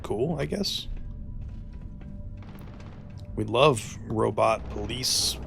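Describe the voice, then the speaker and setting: A man's voice: medium pitch, very slow, creaky, fairly bright tone, soft background music. A man giving casual, wry gameplay commentary, ranting and swearing freely. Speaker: gaming YouTuber.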